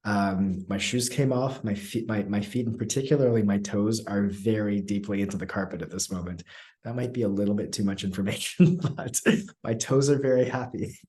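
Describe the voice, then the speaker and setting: A man facilitating an online session, speaking in a relaxed way with many fillers and pauses over a video call. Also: lowish voice. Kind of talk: online webinar talk.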